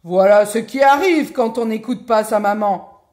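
A woman voicing a big, gruff bear who speaks loudly and sternly. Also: moderate pace, natural voice. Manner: loud, stern, booming.

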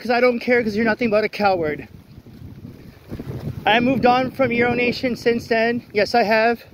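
A high-pitched man talks into a handheld phone as he walks a rainy street at night. His delivery is blunt and ranting, full of restarts, with faint wind and rain noise around him. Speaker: vlogger. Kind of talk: walk-and-talk vlog rant. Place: outdoors on a wet city street at night in the rain. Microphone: phone held while walking.

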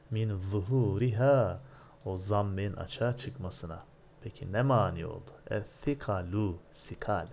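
A man with a very low voice gives a methodical grammar lesson, drilling through each point by asking and answering his own questions. A faint hum sits behind him. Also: a little mellow. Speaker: Arabic grammar teacher. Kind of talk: lecture parsing Arabic grammar.

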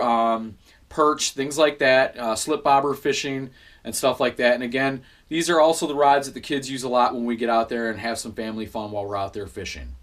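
A man in his thirties talks casually to the camera in a small room at home, picked up by a camera mic a few feet away. His voice sits at an ordinary middle pitch. He walks through his gear in an easygoing way, with plenty of ums and quick self-corrections. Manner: relaxed, many fillers and self-corrections. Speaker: fishing channel host.

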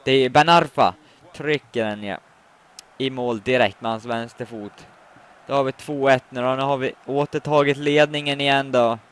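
A man giving live commentary on his own football video game match, muttering complaints and then shouting when a goal goes in. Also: mid-range voice, fairly even intonation. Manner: swings from muttering to shouting at goals. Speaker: gaming commentator.

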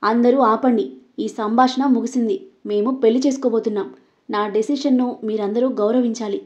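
A cold, forceful young man, played by a woman storyteller gives orders in short, clipped lines. The voice stays high and mellow. The recording sounds muffled and lo-fi. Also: steady tone, moderate pace, natural voice. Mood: commanding. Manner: curt, commanding. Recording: dull lo-fi recording.

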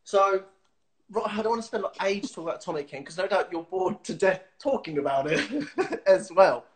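This is the host, a man in his thirties conducting a laid-back video-call interview from a small home room over his webcam. He has a high-sitting, animated voice and a fairly quick pace, chatting and giggling with plenty of fillers and restarts.

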